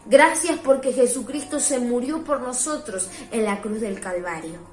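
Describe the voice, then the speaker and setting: A woman's voice: fairly high pitch, a little slow. A woman leading a home devotion beside her husband. She speaks earnestly, quotes Bible verses and answers with "amén". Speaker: preacher's wife, co-leading devotion. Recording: roomy echo with faint music.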